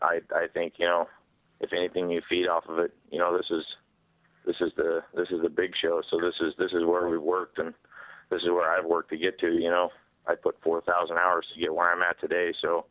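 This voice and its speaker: A man, a professional fighter, answering media questions on a phone conference call in a casual, halting, rambling way. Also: low-pitched, no echo. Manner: rambling, halting, repeats phrases. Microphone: telephone. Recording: tinny, narrow phone conference line.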